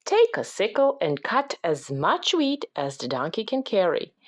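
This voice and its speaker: Woman voicing busy storybook mother, patient, instructive, slow, lively. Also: medium pitch. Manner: calm, instructive.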